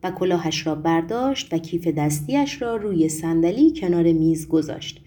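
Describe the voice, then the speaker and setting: A woman reading a novel aloud with lively, expressive intonation. Her voice is mellow and soft-toned, with a measured storytelling delivery. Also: fairly low pitch, a little hiss or hum. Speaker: audiobook narrator. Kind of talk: scripted audiobook narration.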